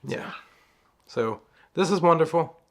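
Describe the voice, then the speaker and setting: A man's voice: a little high, lively intonation, measured pace. A man co-hosting a home cooking vlog, rambling and joking while he chats about food. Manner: jokey, rambling, laughs easily. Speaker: keto vlog co-host. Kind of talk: casual chat.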